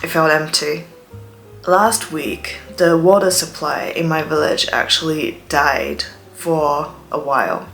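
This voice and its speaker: Soft background music plays as a Chinese woman in her twenties, a student from Shanghai, narrates a casual vlog in a dramatic, chatty style. She speaks slowly in a low, slightly bright voice, and her TV-learned English sits between British and American.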